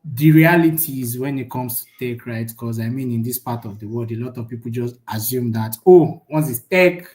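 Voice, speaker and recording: Teaching a live online course, a young man speaks in a mid-range voice at a moderate pace with few pauses. He's chatty and casual, checks in with listeners often, and tacks "right?" onto many lines. His loudness jumps around in a lively way.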